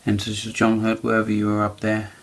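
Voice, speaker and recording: A man presenting a card trick to camera in halting, deliberate magician's patter, with a low, creaky voice. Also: monotone. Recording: faint background noise.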